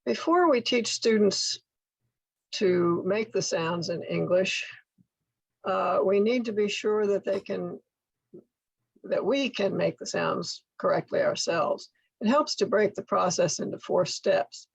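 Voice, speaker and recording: An older woman teaching in a slide presentation, speaking slowly and enunciating carefully as she models speech sounds step by step. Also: mid-range voice, lively intonation, gravelly, breathy edge, no room sound, rough recording. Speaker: workshop instructor for literacy tutors. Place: indoor room at home, video call.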